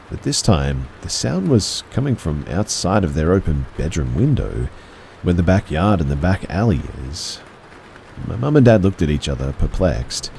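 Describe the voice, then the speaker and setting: Man, extremely low voice, scripted horror narration, hushed measured telling, faint background noise. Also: rough recording.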